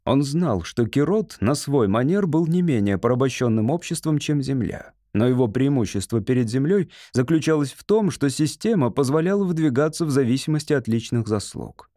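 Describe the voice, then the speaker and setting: A man narrating an audiobook in an even, steady reading voice. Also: medium pitch, fairly quick, hardly any pauses, no echo, clean studio sound. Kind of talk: scripted narration.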